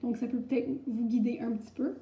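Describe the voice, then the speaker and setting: A woman's voice: on the high side, little pitch movement, a little fast, warm tone. A young woman with a Québécois French accent giving a recorded grammar lesson, explaining step by step in a chatty way with many fillers. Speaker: French teacher. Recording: echoey, muffled room recording.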